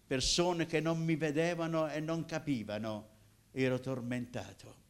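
An older man from Apulia, a minister giving his personal testimony in an emotional way, swinging from loud cries to hushed tones. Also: fairly high pitch, a little slow. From Apulia, southern Italy.

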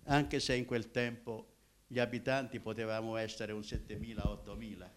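An older man from Apulia, a minister giving his personal testimony in an emotional way, swinging from loud cries to hushed tones. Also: fairly low pitch, little pitch movement, normal speed, a little hiss or hum. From Apulia, southern Italy.

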